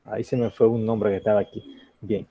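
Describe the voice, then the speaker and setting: A male teacher with a low, gravelly voice that turns husky, walking a class through grammar and pausing to check they follow. The sound is dull and lo-fi. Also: flat delivery, warm tone, no echo. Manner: patient, checks in with frequent "ok?" questions. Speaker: English teacher.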